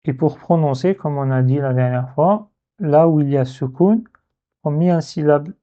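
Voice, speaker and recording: A man's voice: on the high side, normal speed. A man teaching a reading lesson step by step, patiently repeating syllables to demonstrate pronunciation. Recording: dull, muffled lo-fi recording.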